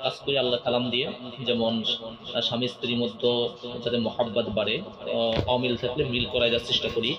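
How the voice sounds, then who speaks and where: Fast-talking male exorcist in muffled lo-fi sound. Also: medium pitch, little pitch movement. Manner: confrontational, insistent repeated questioning. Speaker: exorcist faith healer. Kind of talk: loud ritual interrogation and preaching.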